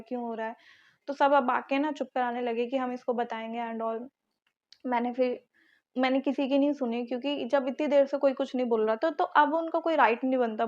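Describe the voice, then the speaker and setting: A young woman vlogger casually telling a personal story in an animated way. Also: sits high, muffled recording.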